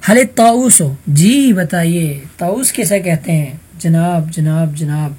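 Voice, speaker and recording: A man's voice: fairly high pitch, dark tone, slightly rough. A man teaching an online Arabic vocabulary lesson, patiently calling on students by roll number and explaining answers.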